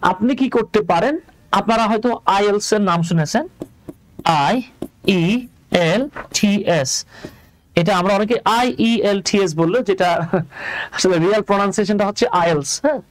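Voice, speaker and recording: A man's voice: sits high, no echo. A Bangladeshi man teaching English in a live online class, explaining step by step and asking his students questions.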